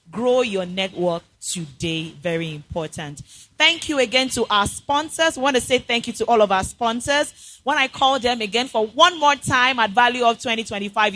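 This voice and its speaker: A woman's voice: mid-range voice, a bit bright, slight background noise. A woman hosting an event as MC with polished corporate enthusiasm, rallying and exhorting the audience. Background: music.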